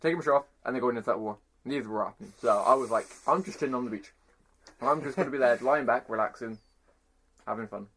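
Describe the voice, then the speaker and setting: A man's voice: medium pitch, fast, fairly bright tone, a little hiss or hum. A young man, chatting casually and rambling with lots of fillers. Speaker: podcast co-host. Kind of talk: casual chat.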